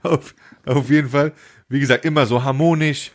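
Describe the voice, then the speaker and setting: A man co-hosting a casual podcast, telling a story in slangy, animated talk and acting out the people in it. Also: medium pitch, normal speed. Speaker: podcast co-host.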